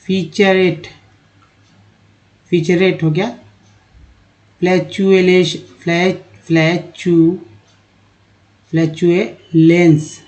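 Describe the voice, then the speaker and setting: A man, teaching in a slow lesson and reading word lists aloud syllable by syllable. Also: sits high, fairly even intonation, a little mellow, highs cut off. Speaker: English teacher.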